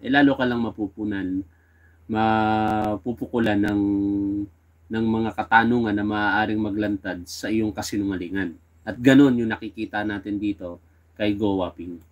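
A man's voice: fairly low pitch, fairly even intonation, moderate pace, highs cut off. Man chiding in casual commentary. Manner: conversational and chiding, with rhetorical questions. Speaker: political commentator.

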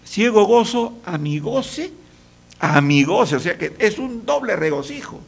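An older man from Peru with a Peruvian accent, a professor telling anecdotes in a halting, repetitive way with dry humor. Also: high-pitched, big pitch swings. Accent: Peruvian Spanish. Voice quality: gravelly, husky. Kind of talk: storytelling talk.

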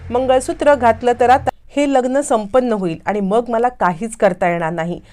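A woman's voice: on the high side, normal speed, dark tone, lightly acted. A woman voicing a young bride anxiously thinking to herself. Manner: fretful inner monologue.

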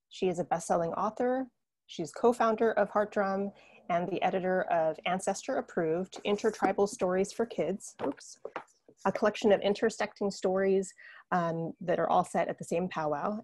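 A woman moderating a panel on a video call, briskly reading out introductions. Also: medium pitch, a little mellow, no echo.

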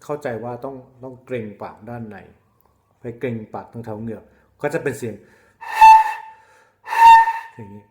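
A man's voice: mid-range voice, brisk, a little mellow. A man teaching flute basics step by step, patient and repeating key points with short check-ins. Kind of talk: step-by-step instrument lesson. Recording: roomy echo.

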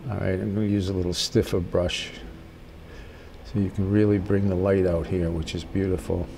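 An older man speaks as a gentle painting instructor, in a low, gravelly voice. He guides casually and encouragingly through each step, unhurried, with some steady noise behind him. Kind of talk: casual spoken painting tutorial.

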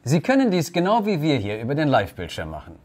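A man's voice: on the high side, wildly swooping pitch, fast talker, darkish tone, slightly rough. A man narrating a scripted camera tutorial, giving formal, polite step-by-step instructions. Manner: formal, addresses listener politely.

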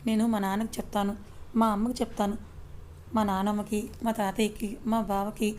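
A woman's voice: medium pitch, little pitch movement, fairly quick, a little mellow, a little hiss or hum, natural voice. A woman storyteller voicing a sulky, playfully complaining young wife in an audio story. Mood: sulky complaint. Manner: pouting, complaining.

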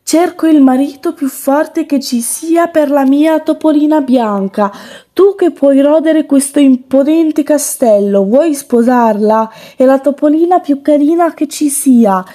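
A kind old man from a children's storybook, his voice lifted high and pleading, as a woman reads him. The tone stays mellow and soft-edged. He sounds earnest as he asks each one in turn. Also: measured pace.

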